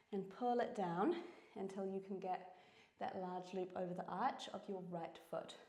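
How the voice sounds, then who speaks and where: A woman's voice: mid-range voice, mellow. Breathless New Zealand woman coaching a workout. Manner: encouraging, breathy cueing while exercising. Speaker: fitness instructor. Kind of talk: workout class instruction. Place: indoor reformer studio. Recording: echoey studio room.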